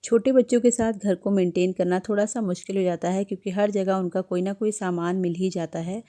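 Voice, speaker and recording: A woman narrating her home vlog as a voice-over in a gentle, chatty manner, giving homemaking advice to her viewers. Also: medium pitch, steady tone, brisk. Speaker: homemaking vlogger.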